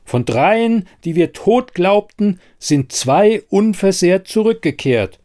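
A man voicing a villager who proclaims loudly to a crowded hall. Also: high voice, animated, slow, voice pushed up. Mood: proclaiming. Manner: loud, proclaiming.

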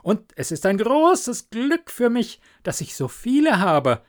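Man doing a high, eager little Hans. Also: huge pitch swings, takes it slowly, exaggerated voice. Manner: eager, grateful, high-pitched. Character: poor, humble, eager young man gardener.

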